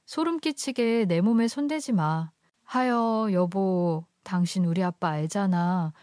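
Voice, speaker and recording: A woman's voice: medium pitch, slow, darkish tone, no room sound, studio quality, natural voice. A woman voicing a desperate, self-pitying young wife who pleads and clings in a storybook narration. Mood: pleading.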